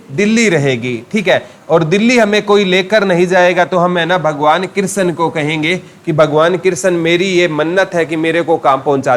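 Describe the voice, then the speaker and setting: A man teaching a general knowledge class with a Haryanvi accent, asking questions and answering them himself. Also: high-pitched. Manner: asks questions and answers them himself, calling listeners "beta". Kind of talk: classroom lecture with memory tricks.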